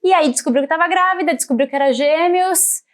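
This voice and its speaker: A woman's voice: very high voice, a little fast. A woman hosting an interview podcast, chatty and eager, often restarting her sentences. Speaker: podcast host. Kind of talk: casual interview chat.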